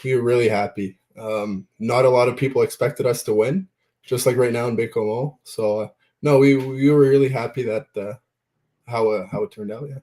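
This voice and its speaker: A young man born in Belgium answering interview questions in a relaxed, plain-spoken way with fillers. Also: mid-range voice, moderate pace. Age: young adult. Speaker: junior hockey player guest.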